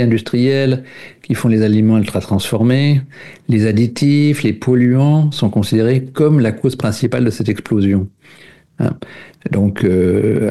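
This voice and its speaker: A man's voice: fairly low pitch, dark tone. A man speaking as a radio guest, explaining nutrition and food intolerances at length with frequent hesitations and cited studies. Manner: explanatory, many fillers, cites studies.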